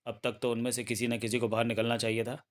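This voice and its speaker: A man's voice: mid-range voice, monotone, fast talker, close to an everyday voice. A man voicing a cowardly male bandit chief in a comic book read-aloud, speaking in a panicky, pleading way. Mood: worried.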